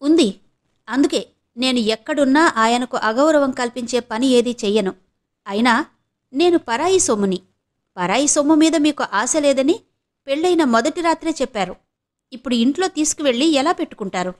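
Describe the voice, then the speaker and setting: A woman's voice: high voice, expressive, normal speed. A woman voicing a proud, defiant young wife in an audio novel, speaking in cutting, sarcastic retorts.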